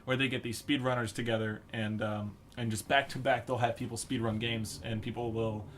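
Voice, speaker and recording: A young man chatting on a casual podcast, rambling eagerly and filling gaps with likes and ums. His voice sits at an ordinary male pitch, with faint noise behind it. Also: level tone, a little fast, fairly bright tone. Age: young adult. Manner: enthusiastic, rambling with fillers. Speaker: podcast co-host. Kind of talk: casual chat.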